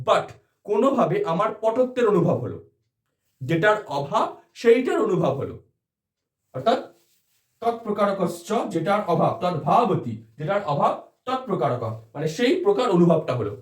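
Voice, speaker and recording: A man tutoring philosophy students in an exam-prep lecture, explaining step by step with a Bengali accent and checking understanding with quick questions. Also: high voice, roomy sound.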